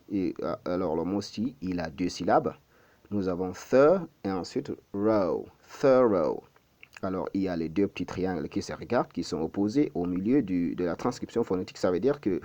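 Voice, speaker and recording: Mellow-voiced male language teacher, lo-fi. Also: lowish voice. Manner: patient, repeats each word several times, with frequent fillers and self-corrections. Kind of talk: pronunciation lesson.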